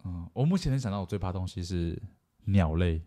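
A man talks quickly on a casual podcast, with a dark, mellow tone and a somewhat low voice. He works through his arguments step by step and keeps pressing his logic. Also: expressive. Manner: reasoning, argues in logical steps. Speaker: podcast co-host.

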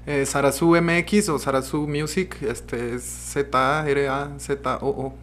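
A man's voice: mid-range voice, steady tone, slow, fairly bright tone, a little hiss or hum. A man with a Mexican Spanish accent, a guest musician in a casual interview, easygoing and agreeable, mostly giving brief replies.

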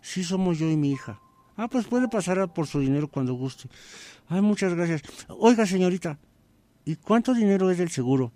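Young Mexican widow, high and anxious, played by a man. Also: expressive, normal speed, mellow, no room sound. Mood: grateful. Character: frightened young widow, woman, bewildered.

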